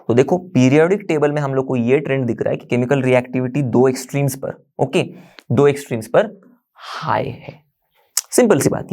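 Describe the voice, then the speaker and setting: A man's voice: a little high, darkish tone. A man teaching a chemistry lesson, standing at a board. He explains step by step, mixes English terms into his Hindi and keeps checking in with the class. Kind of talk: classroom lecture.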